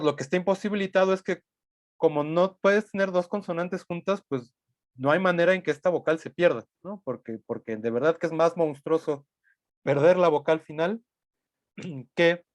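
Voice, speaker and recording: With no echo on the recording, a man with a fairly high-pitched voice teaches a language class in a recorded lecture. He explains step by step, thinking aloud and frequently checking in with tag questions.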